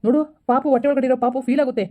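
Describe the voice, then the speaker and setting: A woman's voice: high voice, little pitch movement, racing, dark tone, voice pushed up. A woman voicing a doting, protective young husband who speaks insistently, with a rural Karnataka Kannada accent. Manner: pleading then insistent, calls her baby.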